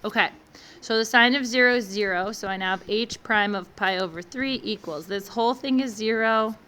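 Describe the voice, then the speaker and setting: A woman's voice: fairly high pitch, moderate pace, pushed and bright, clean tone. A woman teaching math in a classroom, walking through each step and asking the class encouraging questions. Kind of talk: classroom lecture.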